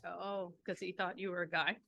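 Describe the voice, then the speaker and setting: A middle-aged woman co-hosting a podcast with her daughter, chatting casually with wry asides and quick reactions. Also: fairly low pitch, level tone, vocal fry, a bit bright, dry recording. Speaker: podcast co-host, mother of the other host. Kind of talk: casual chat.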